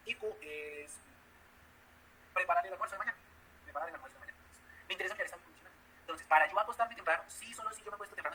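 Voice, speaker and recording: A man lectures on logic, quizzing his students with everyday examples. His voice sits high and sounds very bright. He talks fast, with a faint hiss of noise behind him. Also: low-quality recording. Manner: explains step by step with everyday examples and questions. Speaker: math teacher. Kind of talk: classroom lecture.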